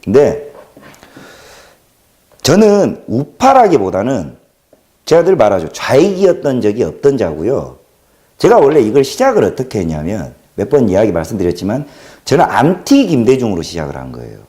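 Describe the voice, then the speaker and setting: A man hosting a casual livestream monologue, talking with a Jeolla accent in an animated, joking way and swinging between loud and quiet. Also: medium pitch, moderate pace. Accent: Jeolla Korean. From Jeolla region, South Korea. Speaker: livestream host.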